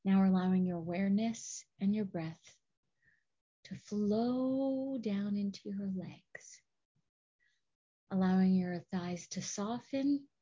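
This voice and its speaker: Soft, breathy woman guiding a slow meditation. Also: mid-range voice. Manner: soft, soothing, breathy delivery with long pauses. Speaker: show host leading a guided meditation. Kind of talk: guided meditation. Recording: dull, lo-fi audio.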